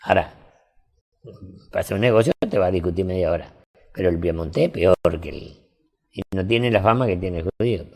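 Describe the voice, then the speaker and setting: Older Argentine man, deep gravelly voice, spins anecdotes in easy conversation. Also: fairly quick, long pauses, a little mellow. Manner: folksy anecdotal storytelling. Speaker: storyteller. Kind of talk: casual interview chat.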